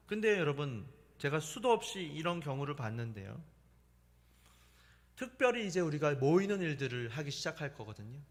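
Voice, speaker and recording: A middle-aged male pastor with a fairly high voice preaches in a relaxed, anecdotal style. His pitch swings a great deal as he tells stories. His voice carries a long reverb from the church sanctuary. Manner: conversational storytelling preaching with laughter. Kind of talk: sermon.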